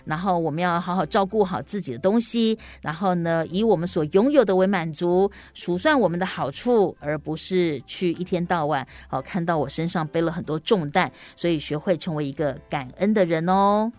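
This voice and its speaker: Lower-pitched woman telling a story to children. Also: a little mellow. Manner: teacherly, addressing little listeners, frequent drawn-out sentence particles. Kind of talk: explanatory storytelling to young children.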